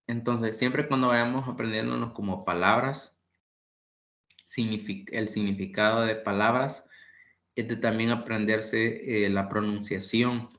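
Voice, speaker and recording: A man teaching an online language class, repeating each word and explaining patiently, often clearing his throat. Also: fairly low pitch, fairly bright tone. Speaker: English tutor. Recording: echoey room.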